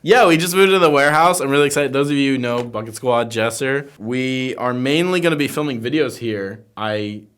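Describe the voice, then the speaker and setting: A man's voice: mid-range voice, a little fast, few pauses, a bit bright, clean tone. Male podcast co-host, casual, teasing banter, mid-range voice. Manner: joking, teasing. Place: indoors in a warehouse.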